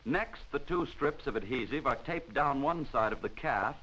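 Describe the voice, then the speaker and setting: In the manner of a 1940s military training film, an American man narrates with formal, measured delivery. His mid-range pitch moves up and down animatedly, and the whole thing sounds like an old film soundtrack with poor audio.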